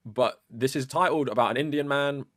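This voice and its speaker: A man narrating a commentary video in a steady, explanatory way. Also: medium pitch, brisk, no echo, studio quality. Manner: steady, explanatory, many "like" fillers. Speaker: video essay creator.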